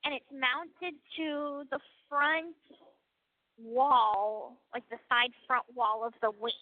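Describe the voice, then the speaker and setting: A woman's voice: sits high, steady tone, slow pace. A woman speaking over a wall-mounted payphone line, hesitant and talking casually in an interview. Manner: hesitant, many fillers and restarts. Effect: calling over a wall-mounted payphone. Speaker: interviewee calling from prison. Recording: tinny phone-line sound.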